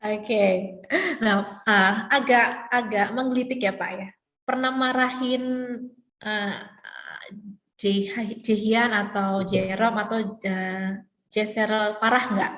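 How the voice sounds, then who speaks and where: A woman's voice: medium pitch, steady tone, slow pace, fairly bright tone, roomy sound. A woman hosting an online parenting talk show, asking questions in a friendly way with fillers.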